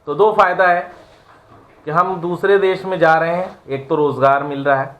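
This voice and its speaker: A man's voice: fairly high pitch, steady tone, moderate pace, a bit bright, muffled recording. A man teaching an online class, giving an earnest, preachy moral lecture full of rhetorical questions.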